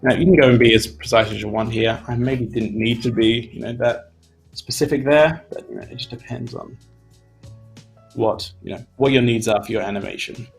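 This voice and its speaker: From a home studio desk mic, a young Australian animation instructor chats his way through a casual live-stream tutorial, often dropping "you know." His medium-pitched voice has vocal fry and a tired quality, at a moderate pace. Music plays faintly behind.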